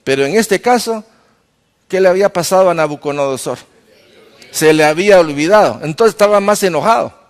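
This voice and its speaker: A male pastor preaching in a church, lively and conversational, joking with the congregation. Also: high-pitched, a little fast. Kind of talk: sermon teaching. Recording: reverberant church hall.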